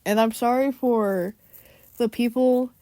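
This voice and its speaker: A woman in a casual, unscripted rant to viewers, speaking in a weary, exasperated and halting way. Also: fairly high pitch, fairly even intonation, warm tone, no room sound. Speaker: online creator addressing viewers.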